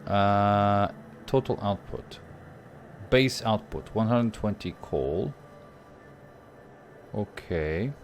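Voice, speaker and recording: A young Portuguese man with a Portuguese accent streams a strategy game live, thinking aloud and chatting with his viewers. His voice sits on the low side and moves very slowly, with frequent pauses, over soft background music.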